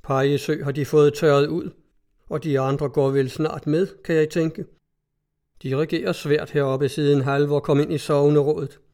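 A man voicing a grieving, weary old villager who speaks slowly and heavily. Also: fairly high pitch, flat delivery, warm tone, close to an everyday voice. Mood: sorrowful. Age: older.

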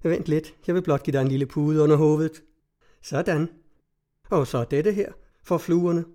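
Guy doing a teasing young woman, sing-song and a bit higher, storybook reading. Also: dark tone, close to an everyday voice. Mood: tender.

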